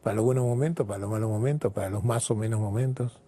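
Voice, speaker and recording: A man from Argentina, a therapist and writer telling stories in an interview with emphatic pauses. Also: fairly low pitch. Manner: expressive storyteller, emphatic pauses. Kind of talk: storytelling in an interview.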